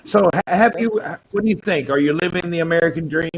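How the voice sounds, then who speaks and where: A man's voice: a little high, fast talker, rough recording. A man hosting a casual livestream chat, joking with guests and calling on them one by one. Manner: jokey, calls on guests one by one. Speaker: livestream host.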